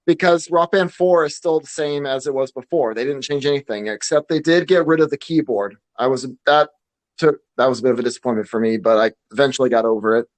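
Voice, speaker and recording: A man with a mid-range voice speaks quickly while co-hosting a podcast. His talk is casual and hesitant, and he keeps restarting sentences as they chat.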